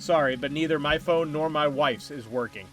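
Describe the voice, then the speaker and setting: A man's voice: on the high side, normal speed, fairly bright tone, soft background music, lightly acted. A man voicing a flirtatious, carefree husband, reading game dialogue aloud in a teasing way.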